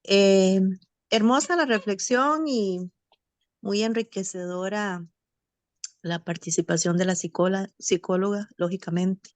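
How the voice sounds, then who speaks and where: A bereaved mother sharing her story over a video call in a support session, reflective and halting with many fillers. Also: mid-range voice, no echo. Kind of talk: personal testimony. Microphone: video call, camera off.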